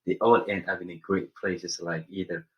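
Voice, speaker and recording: A young man from Somaliland, a college senior, answering interview questions earnestly and often pausing to search for words. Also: sits low, little pitch movement, a bit bright, dull audio. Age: young adult.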